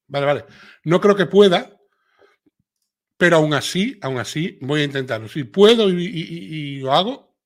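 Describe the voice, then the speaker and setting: A middle-aged man from Seville speaks with a clear Andalusian accent, hosting a relaxed livestream. His voice sits at an ordinary, middle pitch. He chats loosely, reads viewers' comments aloud, and peppers his talk with little tag questions. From Seville, Spain. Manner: chatty, reads viewer comments aloud, frequent filler tags. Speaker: livestream host. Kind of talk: casual live chat with viewers.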